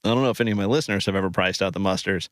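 A man's voice: low-pitched, racing, dry recording, clean studio sound. Man talking inside a dead closet. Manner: relaxed, repeats words while thinking. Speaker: podcast host. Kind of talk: casual podcast chat.

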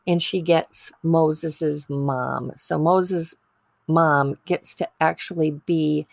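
A woman's voice: sits low, steady tone, slow pace, creaky, dry recording. A woman giving a casual, chatty devotional talk, digressing and correcting herself as she retells Bible stories. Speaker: speaker sharing Bible stories about mothers.

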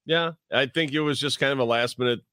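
A man's voice: medium pitch, fast talker, bright, forceful tone, clear, resonant tone, no room sound. A man co-hosting a bowling podcast, explaining details in a matter-of-fact, casual way. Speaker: podcast co-host. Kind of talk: casual chat.

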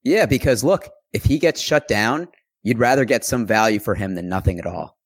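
A man with a lowish voice breaks down baseball numbers in a fast, analytical, earnest manner. He speaks in a casual podcast chat, recorded dry. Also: breathy edge, no room sound. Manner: analytical, stat-heavy, earnest.

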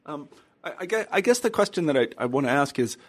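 A man's voice: a little high, lively intonation, fast talker, no echo. A man interviewing a historian, asking questions in a hesitant way as he searches for his phrasing.

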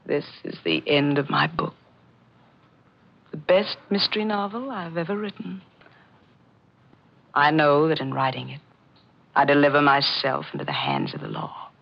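A woman's voice: sits low, big pitch swings, normal speed, gravelly, pauses often, heavily acted. An actress voicing a guilt-ridden woman novelist confessing her murders in a tense, breathless 1940s radio drama, with whispered asides, on a lo-fi old broadcast. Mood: resigned.

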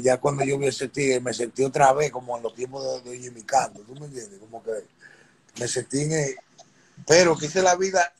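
A man's voice: mid-range voice, poor audio. A middle-aged man, chatting casually as a guest artist in an interview, laid-back and streetwise, often checking that he is understood. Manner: laid-back, streetwise, keeps asking "¿tú me entiendes?".

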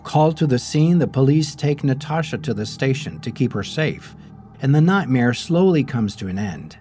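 A man giving scripted narration of a true-crime story in a measured, dramatic storytelling manner. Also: mid-range voice, very animated, mellow. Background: faint background music.

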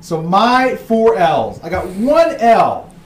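A man's voice: sits high, sing-song, takes it slowly, roomy sound, a little hiss or hum. A man appearing as a podcast guest, delivering a comedic sports rant with stammered build-ups and laughter.

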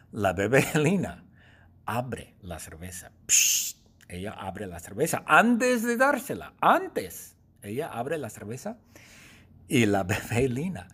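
A male teacher telling a silly story to learners, slow and repetitive, playful, with sound effects and laughs. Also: mid-range voice, breathy edge. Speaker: language teacher.

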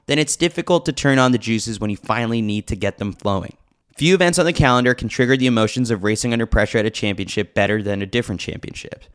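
Reading from a scripted sports newsletter, this male podcast host keeps things lightly wry and joking. His mid-range voice is clear and resonant.

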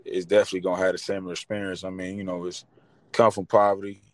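A young man from Detroit, Michigan, a boxer and entrepreneur appearing as a guest, talks casually in an interview using loose street slang and repeatedly asking "you know what I mean." His low voice stays flat and steady while he speaks fast. The recording is dry, with no room echo.

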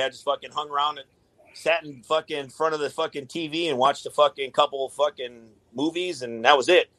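A man's voice: fairly high pitch, a bit bright, no room sound. A man in a casual podcast chat, talking in a laid-back, rambling way with lots of swearing. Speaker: guest, tattoo artist.

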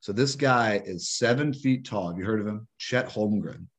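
A man co-hosting a podcast, chatting casually about sports in a rambling, halting way full of restarts. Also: fairly low pitch. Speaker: podcast co-host.

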